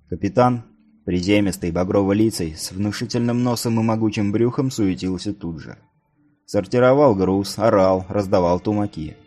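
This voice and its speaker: A man reading a novel aloud as a steady audiobook narrator. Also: medium pitch. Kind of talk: scripted narration.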